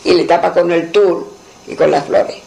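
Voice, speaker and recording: A man's voice: high-pitched, level tone, normal speed, gravelly, darkish tone, rough recording. A man telling a folk tale aloud in a plain, repetitive storytelling manner, voicing the characters' lines himself.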